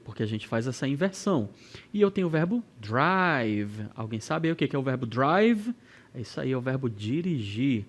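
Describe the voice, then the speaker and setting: A man with a Brazilian Portuguese accent teaching an English lesson, reading example questions slowly and carefully. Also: medium pitch. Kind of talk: recorded classroom lesson.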